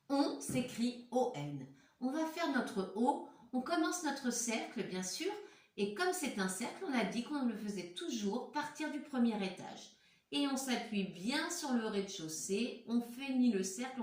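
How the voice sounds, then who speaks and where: In a mid-range voice, a woman primary school teacher patiently leads young children through a handwriting lesson step by step. It's recorded at home in a room with echo, her voice far from the microphone.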